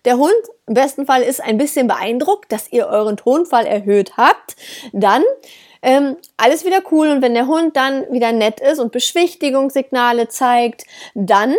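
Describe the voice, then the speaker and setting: A woman's voice: sits high, normal speed. A woman dog trainer talking casually and bluntly to her listeners, laughing often and hitting words hard. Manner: direct, blunt, with frequent laughs and emphatic stresses.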